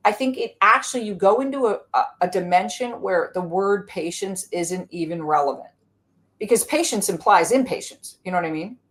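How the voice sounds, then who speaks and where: A woman's voice: medium pitch, moderate pace. Casual woman teacher explaining, "right?"-heavy. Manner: casual, many "like" and "right?" checks. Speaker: guest, inner-healing teacher. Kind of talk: conversational explanation in an interview.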